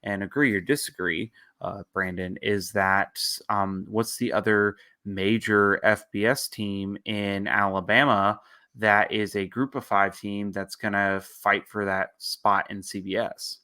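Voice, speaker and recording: A man's voice: fairly low pitch, little pitch movement, a little slow, bright, forceful tone. A man co-hosting a casual sports podcast, rambling, losing his thread and apologizing. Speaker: podcast co-host.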